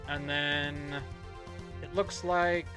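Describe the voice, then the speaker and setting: A man's voice: fairly high pitch, level tone, drawn-out words, over music. A man acting as game master, narrating a tabletop game casually and improvising in a hesitant way.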